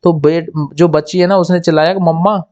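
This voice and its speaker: A man's voice: a little high, steady tone, a little fast, darkish tone, highs cut off. A man teaching memory tricks for exams, repeating key words and asking and answering his own questions. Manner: acts out little scenes in quoted voices. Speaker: exam coaching teacher.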